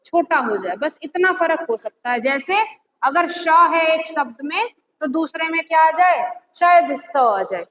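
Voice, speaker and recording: Lady teacher w high voice asking the class stuff n answering it herself, dullish echoey audio. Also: fairly bright tone. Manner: asks the class questions and answers them herself; repeats key words slowly. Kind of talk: classroom lesson. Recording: echoey, slightly dull audio with faint noise.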